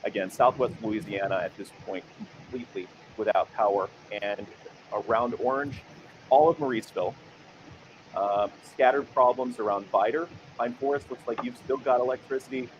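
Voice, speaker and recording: A man's voice: mid-range voice, normal speed, slight background noise, low-quality recording. A man giving live, unscripted commentary as he reads through places on a map.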